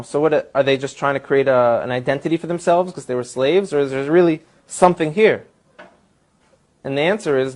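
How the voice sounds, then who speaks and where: A man answering as a guest, earnestly explaining and building his points step by step. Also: mid-range voice. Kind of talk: explanatory talk.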